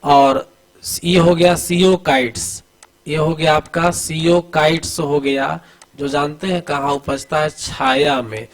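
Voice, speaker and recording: Man, slightly high voice, coaching teacher, exam drill, asks and repeats answers, urges quick replies. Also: creaky, rough recording. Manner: addresses students familiarly, urging quick answers. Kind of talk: exam-prep lesson over diagrams.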